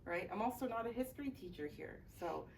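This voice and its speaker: A woman's voice: mid-range voice, lively intonation, fairly quick, gravelly. Woman presenting in class, constantly asking "right?". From Miami, Florida, United States. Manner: tags sentences with "right?" to check in with the audience. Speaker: English teacher and presenter. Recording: distant mic with light background noise.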